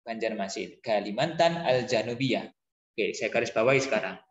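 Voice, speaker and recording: A man teaching an Arabic lesson to a class, chatty and relaxed, asking pupils questions and repeating phrases slowly. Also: on the low side, reverberant, big-room sound, highs cut off. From East Java.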